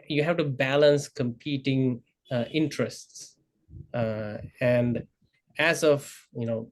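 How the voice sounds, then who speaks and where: Man presenting slides on a video call. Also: medium pitch. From Sri Lanka. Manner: halting, many uh and um fillers. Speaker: guest speaker. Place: indoor room.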